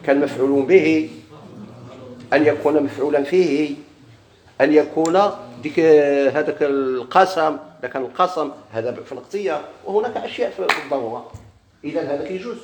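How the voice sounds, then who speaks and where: A man with a Moroccan Arabic accent teaches a grammar lesson, talking fast. He keeps asking his class questions and then answering them himself. His voice rings out in an echoey classroom. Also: a little high, darkish tone, slight background noise. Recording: echoey room.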